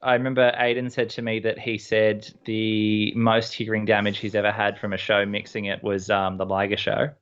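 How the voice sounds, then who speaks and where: A man, a guest in a casual chat, relaxed and prone to repeating himself. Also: fairly low pitch, moderate pace, few pauses, clean tone, muffled recording.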